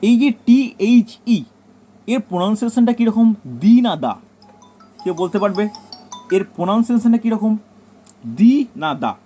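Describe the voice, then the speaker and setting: A man's voice: high voice, a little fast, pauses often, dark tone, soft background music. A man with a Bengali accent teaching a grammar lesson, repeating his points and telling students to write them down.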